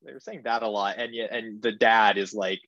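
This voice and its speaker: A man's voice: on the low side, fairly quick, a bit bright, no room sound, highs cut off. Dry-sounding man in casual chat. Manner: rambling, filler-heavy, amused. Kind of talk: casual chat recapping a movie.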